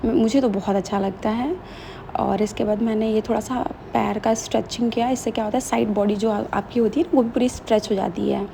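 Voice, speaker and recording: Gravelly-voiced young woman vlogging casually. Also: mid-range voice, dark tone, a little hiss or hum. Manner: chatty, mixing English phrases into Hindi. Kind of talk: casual vlog voice-over.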